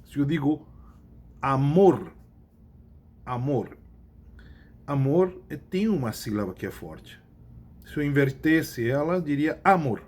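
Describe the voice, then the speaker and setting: A man's voice: fairly high pitch, lively intonation, measured pace, a little mellow. Brazilian man teaching a lesson. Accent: Brazilian Portuguese. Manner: repeats key points, asks checking questions. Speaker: Spanish teacher. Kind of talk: recorded class lesson.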